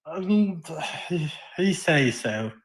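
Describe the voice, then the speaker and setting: Halting man. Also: fairly high pitch, expressive, noisy background. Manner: halting, with many fillers and restarts. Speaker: debate caller. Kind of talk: live religious debate.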